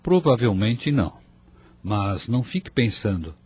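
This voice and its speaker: An actor in a radio drama playing a calm, fatherly mentor who counsels gently. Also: on the low side, a little slow, breathy edge, heavily acted. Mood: counseling.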